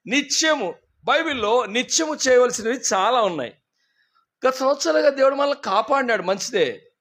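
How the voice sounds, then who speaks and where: A man's voice: extremely high pitch, animated, moderate pace, a bit bright. Man, pastor, humorous sermon, quizzing the congregation. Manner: humorous storytelling preacher, asks the congregation questions.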